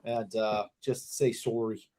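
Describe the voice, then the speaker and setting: A man with a Boston accent in a casual, joking group chat, speaking haltingly and repeating himself. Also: lowish voice, flat delivery, dark tone. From Boston, United States. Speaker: hobby talk show panelist.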